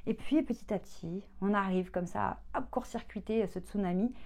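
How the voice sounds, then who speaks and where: A woman coach speaks in a chatty, expressive way, giving a motivational self-help talk. She acts out her own inner dialogues as she goes. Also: medium pitch, normal speed. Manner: frequent fillers and restarts, chatty. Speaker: coach for women.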